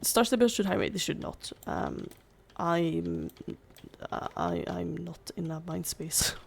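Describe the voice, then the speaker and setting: Her voice is fairly low, slow, creaky and husky, and it's strained to the point of giving out. This young adult gaming YouTuber rambles casually through her gameplay, saying "like" constantly.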